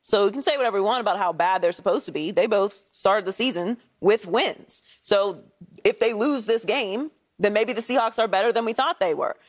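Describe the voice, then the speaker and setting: A woman's voice: medium pitch, brisk. A woman on a sports debate panel, making her case with assured arguments and statistics. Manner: assured, argues with stats.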